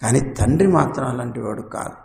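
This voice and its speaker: A man's voice: medium pitch, lively intonation, fairly quick, vocal fry, darkish tone. A man giving a religious discourse, telling stories and acting out a mother, child and father in dialogue. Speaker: religious teacher. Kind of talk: Telugu discourse with acted family scenes. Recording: echoey hall with long reverb.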